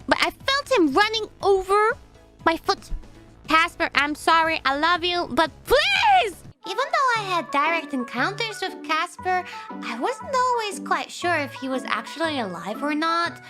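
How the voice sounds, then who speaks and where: Excitable high-voiced woman streamer. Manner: excitable, shrieking and swearing freely. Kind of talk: casual chat. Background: background music.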